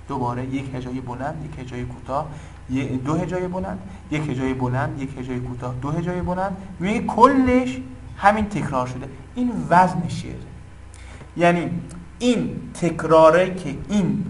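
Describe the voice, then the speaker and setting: A man's voice: on the high side, low-quality recording. Man teaching poetic meter, chanting rhythms. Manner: explains patiently, chants meter feet rhythmically. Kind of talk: informal recorded lesson.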